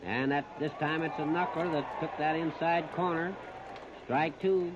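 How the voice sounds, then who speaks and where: Unhurried and a little high, with fairly even intonation, an American announcer calls baseball on 1930s radio. He keeps it plain-spoken and folksy in short phrases, captured on a muffled, noisy disc.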